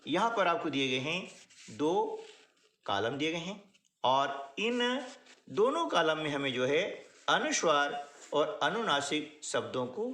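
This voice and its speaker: Guy teaching a workbook lesson real slow, bright voice, echoey room, keeps checking "right?". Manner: explains step by step, often adds "है ना" and "ठीक है"; lively, rising and falling pitch.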